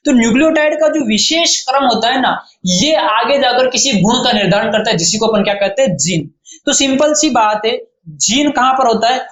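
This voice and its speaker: A man's voice: extremely high pitch, a bit bright. A man teaching a science lesson to exam students in Hindi with a Rajasthani accent, often repeating key terms back as questions. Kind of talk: classroom-style lecture. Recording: echoey room, faint noise.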